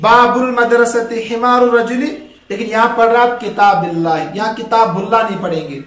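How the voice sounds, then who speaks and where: Male teacher, very high pitch, prompting question style, echoey classroom. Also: fairly even intonation, brisk, fairly bright tone. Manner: quizzing, leaves words for students to finish. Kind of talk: classroom grammar lesson. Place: classroom with a board. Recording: echoey room.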